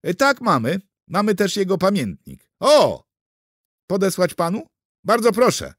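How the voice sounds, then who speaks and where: A man's voice: sits high, huge pitch swings, measured pace, dry recording, studio quality, pitched above the performer's own voice, exaggerated voice. A man voicing a chirpy, helpful archive clerk in a raised voice.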